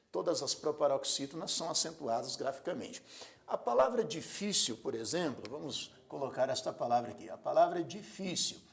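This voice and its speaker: Homem professor, voz grave e rouca, entonação viva. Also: male voice, on the high side, gravelly. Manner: slow, emphatic stressing of syllables in example words. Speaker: Portuguese grammar teacher. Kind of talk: recorded lecture.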